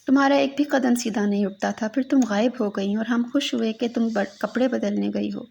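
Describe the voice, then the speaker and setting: A woman's voice: on the high side, fairly even intonation, creaky, a little mellow. A woman reading a literary story aloud as a mournful lament to a lost daughter.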